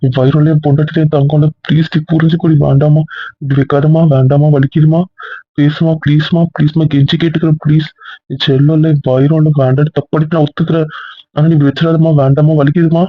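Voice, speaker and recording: Remorseful husband, fast begging delivery, lo-fi audio drama, played by a man. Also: on the high side, level tone, dry recording, lightly acted. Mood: pleading. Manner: pleading, repetitive begging. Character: remorseful young husband pleading with his wife. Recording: dull lo-fi recording.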